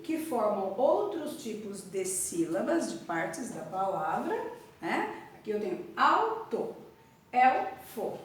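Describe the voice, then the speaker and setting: A woman teaching a literacy lesson, spelling out syllables letter by letter and repeating each word. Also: on the high side. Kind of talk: slow classroom literacy lesson. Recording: echoey room from far off.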